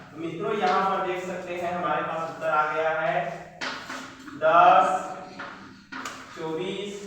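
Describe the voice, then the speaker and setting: A man teaches maths with a high, bright voice, reading out each figure slowly as he works the problem through. He stands well away from the mic in a room with a long, ringing echo. Faint hiss sits under his voice. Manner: reads out figures slowly, step by step; says "friends" and "yaar" to the viewers. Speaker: maths tutor. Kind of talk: working a problem on the board. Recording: echoey room, far from the mic.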